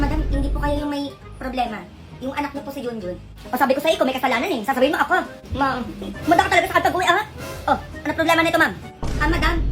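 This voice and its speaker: Rapid-fire bickering woman. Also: high voice. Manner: rapid, bickering back-and-forth. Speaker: comedy skit performer. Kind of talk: comic sketch acting.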